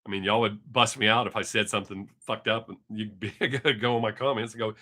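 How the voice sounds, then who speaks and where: This Texan man in his fifties rambles and chats with viewers on his live stream, cursing now and then, through a webcam mic. His voice sits lowish with a steady, sharp tone, and he talks a little fast.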